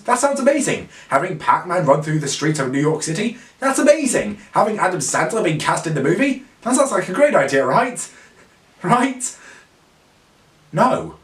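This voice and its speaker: A man ranting sarcastically through a countdown of bad films, exasperated and swearing. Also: fairly high pitch. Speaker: film reviewer. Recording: echoey room, distant mic.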